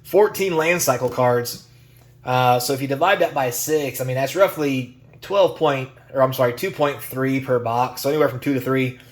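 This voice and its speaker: A man hosting a casual card-opening vlog, chatty and folksy, getting over a cold and clearing his throat now and then. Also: mid-range voice, moderate pace. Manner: chatty, folksy, airline-captain catchphrases. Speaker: YouTube card channel host.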